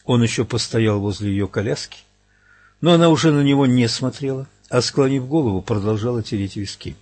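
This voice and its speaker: A man narrating an audiobook in an even, steady storytelling manner. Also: medium pitch, brisk, no echo. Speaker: audiobook reader. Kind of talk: scripted narration.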